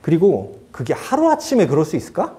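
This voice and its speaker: Young male youth teacher, casual sermon, lively pitch, slightly higher voice. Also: brisk. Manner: chatty, asks the students questions.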